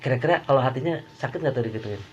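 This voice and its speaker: A male preacher gives a relaxed, conversational sermon, peppered with jokes and rhetorical questions to his listeners. His voice sits in an ordinary middle pitch. The recording is slightly dull, with faint hiss behind it. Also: rapid-fire. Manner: conversational, joking, rhetorical "ya kan?" asides. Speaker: Islamic preacher. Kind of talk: informal sermon.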